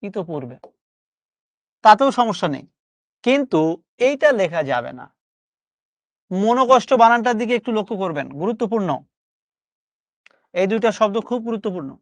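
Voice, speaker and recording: A man's voice: high voice, sing-song, moderate pace, pauses often, no room sound. A man with a Bangladeshi Bengali accent teaching spelling in a live online lesson, coaxing and repeating each word for his students to drill. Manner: coaxing, repeats words for drill, chatty colloquial asides.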